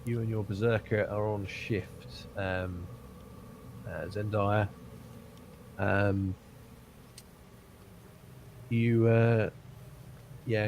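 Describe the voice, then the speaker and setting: A man running a tabletop game as dungeon master, describing the scene haltingly with many ums and uhs. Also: fairly low pitch, a little mellow, a little hiss or hum.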